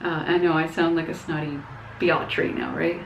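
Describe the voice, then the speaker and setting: A woman's voice: low voice, fairly even intonation, moderate pace, vocal fry, slight background noise. Frank, hesitant woman vlogging in echoey room. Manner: earnest and frank, hesitant with fillers and small laughs. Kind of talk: casual opinion vlog. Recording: echoey, dull room sound.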